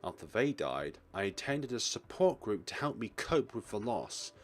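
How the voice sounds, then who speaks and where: A man with a fairly low, sing-song voice reads a visual novel aloud at a moderate pace as let's-play narration. Game music plays behind his expressive delivery, which occasionally falters over a line.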